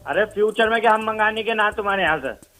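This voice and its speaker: Man, angry, scolding, high voice, phone caller. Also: fast, pushed and bright, soft background music. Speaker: prank call victim. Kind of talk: phone call.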